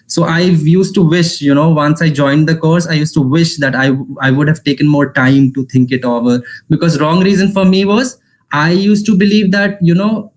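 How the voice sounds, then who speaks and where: A man in his twenties with an Indian accent gives an informal online career talk as an alumnus, and the recording is rough. His voice is a little high with fairly even intonation, and he talks fast, mixes Hindi into his English and often restarts sentences.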